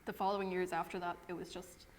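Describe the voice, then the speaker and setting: Brief: young woman interviewee, hesitant, low flat voice. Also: fast talker, long reverb tail, a little hiss or hum. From Ireland. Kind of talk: documentary interview.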